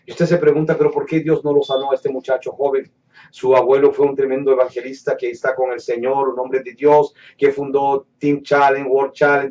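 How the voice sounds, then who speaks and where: A man preaching a sermon, earnest, dropping to hushed low phrases and rising to emphatic declarations. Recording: muffled, somewhat distant mic.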